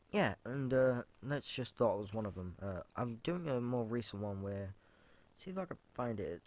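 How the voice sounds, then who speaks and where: A man with a fairly low voice talks through a casual one-man podcast. He rambles, restarts often and swears offhandedly. Then he reads his own rap verses aloud. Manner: rambling and informal, with frequent fillers and restarts. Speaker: podcast host.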